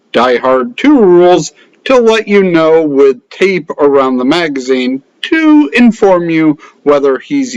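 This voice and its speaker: A man reviews a film in a sarcastic, profane, casual style. His voice sits a bit high, moves with lively pitch swings, and takes its time. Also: dry recording, highs cut off. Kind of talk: casual comedic movie review narration.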